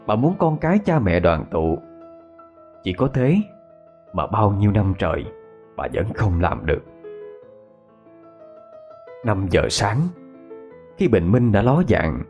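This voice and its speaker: A man narrating a ghost story in a measured storytelling cadence. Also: on the low side, highs cut off. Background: faint background music.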